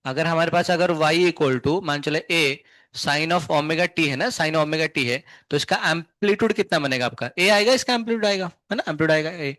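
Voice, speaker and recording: A male physics teacher giving a live class lecture, firing quick questions at his students and explaining step by step. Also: on the high side, a bit bright, no room sound. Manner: chatty, scolding then explaining, asks students many quick questions; hums tunes to show wave shapes.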